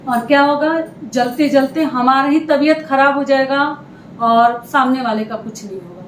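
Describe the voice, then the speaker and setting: High-voiced woman giving earnest advice. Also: normal speed, reverberant, a little hiss or hum, low-quality recording. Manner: earnest, repeats points, addresses viewers directly. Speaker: advice vlogger. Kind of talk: casual advice talk.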